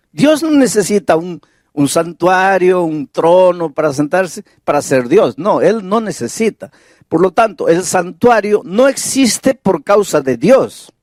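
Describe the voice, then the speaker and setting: Male pastor, measured sermon delivery, rhetorical questions, dry close mic. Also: sits high, a little mellow, no echo. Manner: slow, deliberate preaching with emphatic rises; reads Bible verses aloud, asks rhetorical questions.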